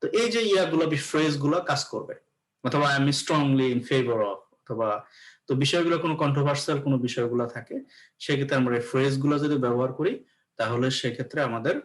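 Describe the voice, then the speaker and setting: A man's voice: medium pitch, quick pace. A man giving an explanatory classroom lecture as an English teacher, often checking in with his students. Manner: explanatory, repeats "okay" to check in.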